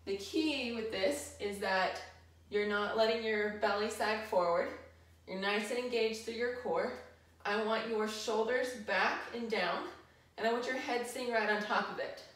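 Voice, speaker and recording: A woman talks viewers through a warm-up exercise, explaining each step as she does it herself. She is slightly out of breath. Her voice rings with a strong echo and sounds far from the mic. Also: a little high, measured pace. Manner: instructive, demonstrating while moving. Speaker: physical therapy instructor. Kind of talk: exercise demonstration.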